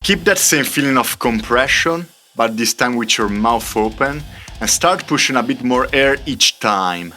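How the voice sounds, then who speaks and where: A man gives a scripted vocal tutorial in an upbeat, step-by-step way. His voice is bright and medium in pitch, and he takes his time, with light music underneath. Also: animated, unhurried. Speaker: extreme vocal coach and singer.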